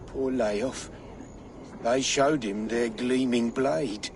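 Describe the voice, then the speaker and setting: A slow, childlike, sorrowful gravedigger. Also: male voice, medium pitch. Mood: mournful. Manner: childlike, repetitive speech. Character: simple-minded, sorrowful gravedigger who mourns his friend. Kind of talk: video game character acting. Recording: clear background noise.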